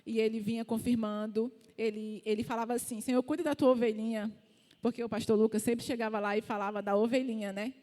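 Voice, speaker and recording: A high-pitched, middle-aged woman with a Brazilian accent delivers an emotional testimony in church, fervent and climbing toward near-shouts at her strongest moments. Her voice rings out with a long reverb trailing through the hall. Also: little pitch movement, quick pace, hardly any pauses. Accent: Brazilian Portuguese. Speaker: church member giving testimony.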